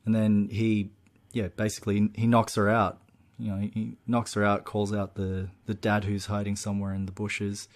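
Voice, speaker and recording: A man co-hosts a podcast, going through a movie's plot at length in a casual way and filling his speech with "you know" and "look." His voice is on the low side and monotone, delivered at normal speed.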